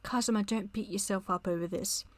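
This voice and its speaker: A woman reading the lines of a calm, reassuring older male lawyer comforting his son, in a dry close sound. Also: medium pitch, brisk, dry recording, lightly acted. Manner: read aloud from a chat log.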